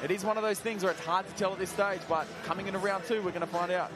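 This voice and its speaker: High-voiced man commentating a fight. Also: fairly even intonation, very fast, loud music behind the voice. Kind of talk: live MMA play-by-play and analysis. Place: commentary position at live fight event. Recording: loud crowd behind the commentary.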